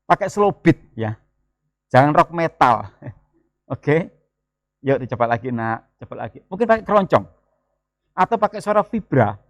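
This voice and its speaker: Lively pastor, dry sound. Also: male voice, a little high, a little slow, long pauses, no echo. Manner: lively, joking, mixes in Javanese words. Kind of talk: sermon. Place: church.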